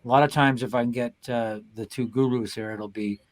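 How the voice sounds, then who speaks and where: A man's voice: medium pitch, fairly even intonation, normal speed. A man hosting a casual live podcast over a video call, talking in an easygoing way with many fillers. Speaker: podcast host.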